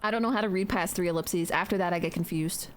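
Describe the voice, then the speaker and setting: A woman's voice: lowish voice, fast. Chatty young woman streamer, swearing freely. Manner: chatty, joking, swears freely, talks to herself. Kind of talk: casual live-stream chatter while building in a game.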